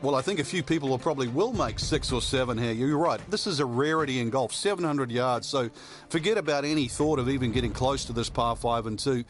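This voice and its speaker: A man's voice: medium pitch, fairly quick, lightly acted. A man playing a golf analyst who explains holes and hazards as a co-commentator. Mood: matter-of-fact. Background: faint music.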